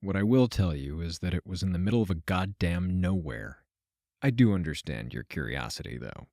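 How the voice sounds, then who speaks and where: Recorded dry, a man with a low, darkish voice speaks animatedly at normal speed. He's playing a self-deprecating computer scientist with a wry streak, offering a dry, reflective confession in a first-person fiction podcast monologue for an audio drama.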